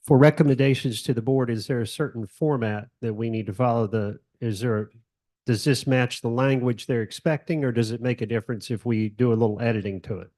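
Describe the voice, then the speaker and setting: A board member hesitantly asking a procedural question at a public meeting. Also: male voice, mid-range voice, brisk, a little mellow.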